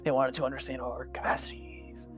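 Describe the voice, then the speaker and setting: A man voicing a cold, scornful telepathic alien empress in a slow, mocking whispered role-play over faint music. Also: mid-range voice, little pitch movement, natural voice. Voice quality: hushed whisper. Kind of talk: whispered role-play reading game dialogue.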